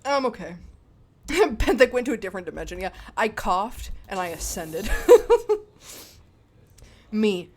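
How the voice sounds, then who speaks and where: A young woman chats casually while streaming a game, giggling often and talking in an animated, lively way. Her voice sits at a middle pitch for a woman. A faint hum runs behind her. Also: slow, pauses often, poor audio. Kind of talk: casual chat while gaming.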